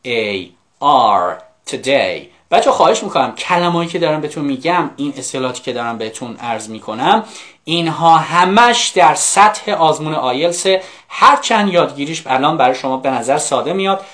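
A man giving a live online English lesson, repeating phrases slowly, spelling words letter by letter and often checking in with "okay?". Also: on the high side, fairly bright tone. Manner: coaxing, often asks "okay?". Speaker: English teacher.

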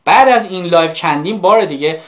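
A man giving a live online English lesson, repeating phrases slowly, spelling words letter by letter and often checking in with "okay?". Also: high voice. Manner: coaxing, often asks "okay?". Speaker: English teacher.

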